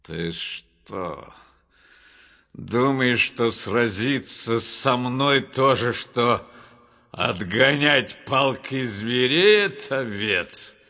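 A man's voice: mid-range voice, expressive, drawn-out words, big-room sound, exaggerated voice. A man doing a growling, scornful giant. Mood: scornful roar. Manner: growling, loud and mocking.

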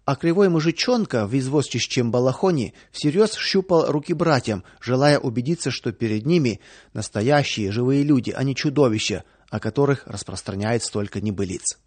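A man reading a story aloud in a calm, even audiobook narration. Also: mid-range voice, normal speed, no echo.

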